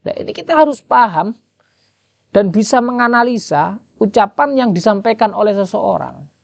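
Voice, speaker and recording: A man's voice: high voice, lively intonation, moderate pace, creaky, dry recording, dull audio. Javanese-accented man teaching a kitab lesson. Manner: quizzes listeners with rhetorical questions. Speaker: Islamic jurisprudence teacher. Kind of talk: kitab lesson, reading and translating Arabic.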